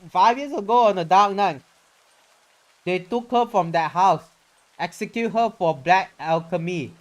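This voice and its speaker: A man with a fairly high, slightly slow voice hosts a casual game livestream, dramatically reading story text aloud and chatting informally with some mild swearing. The recording is rough, with music playing behind him.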